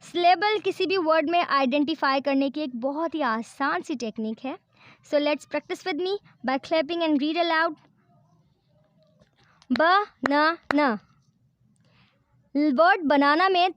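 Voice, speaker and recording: High-pitched lady teacher going really slow, dry close sound, keeps asking right?. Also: no echo. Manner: slow, careful English, checking in with "right?"; counts syllables aloud, spelling out words letter by letter. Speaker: English teacher. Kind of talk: classroom-style grammar lesson.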